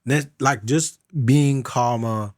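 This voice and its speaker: A man's voice: mid-range voice, steady tone, takes it slowly, no room sound, studio quality. A young man co-hosting a podcast, rambling with many restarts and acting out quoted lines. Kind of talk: casual chat.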